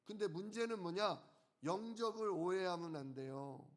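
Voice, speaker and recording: A male pastor preaching a sermon, who asks the congregation questions and answers them himself, and slows down to stress key words. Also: high voice, animated.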